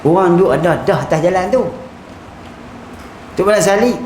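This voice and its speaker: A male religious teacher with a Kedah Malay accent, giving an animated kitab lesson and acting out little dialogues. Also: normal speed. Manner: animated, acts out little dialogues, lively pitch swings. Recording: echoey room with faint ambient noise.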